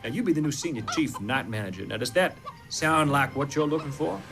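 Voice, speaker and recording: A gravelly, pitchy fast food boss. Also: male voice, expressive. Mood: boastful. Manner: salesman-like pitch. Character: smooth-talking male fast food boss. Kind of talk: comedy film acting. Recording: film soundtrack with loud music.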